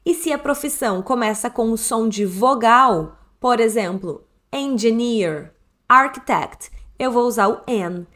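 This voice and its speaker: A Brazilian woman with a fairly high voice gives an online English lesson in Brazilian Portuguese. She explains each point step by step, slowing down to say English phrases clearly so learners can repeat them. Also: a bit bright. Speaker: English teacher.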